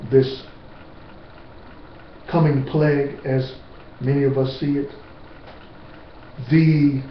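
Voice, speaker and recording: A man giving an informal lecture to camera, slow and emphatic, with blunt street-talk asides. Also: medium pitch. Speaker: speaker on natural remedies. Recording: distant, roomy, dull with faint hiss.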